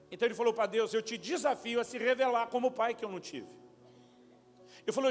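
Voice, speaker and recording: Fast-talking high-voiced male pastor. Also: big-room sound. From Brazil. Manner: animated, acts out dialogue with shifting pitch and volume. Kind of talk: storytelling sermon. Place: large church hall at a conference.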